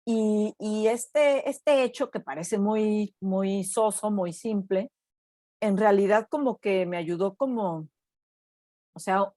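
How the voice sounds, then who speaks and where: There's no echo in this clean studio recording of a woman with a medium-pitched voice speaking at a slow pace. A researcher at a Mexican university, she shares a story in a casual interview, animatedly acting out quoted voices and tagging many sentences with "¿no?".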